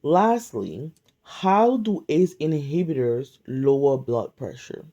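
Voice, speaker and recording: Filmed on a phone camera pointed at a whiteboard, this woman tutors pharmacy tech students by drilling drug names flashcard-style, question then pause. Her voice is low, slow and mellow, with a calm, measured manner, and the highs sound cut off.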